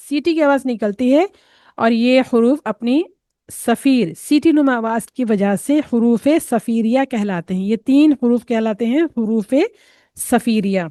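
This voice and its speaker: A woman gives a patient tajweed lesson, sounding out each letter slowly and slipping English words into her explanations. Her voice sits a little high. It is recorded close and dry, with no room sound. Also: warm tone, dry recording. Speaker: Quran recitation teacher.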